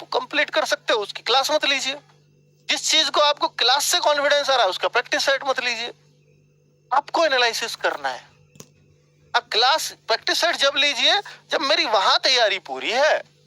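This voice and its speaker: High, bright-voiced male coaching teacher. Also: no echo, low-quality recording. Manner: direct, scolding, repeats "ठीक है?". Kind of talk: motivational advice lecture.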